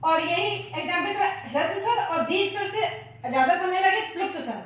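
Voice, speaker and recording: A woman's voice: extremely high pitch, expressive, fairly quick, a bit bright. A woman teaching a grammar lesson, patiently counting, repeating terms and answering her own questions. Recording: echoey room, voice far from the mic.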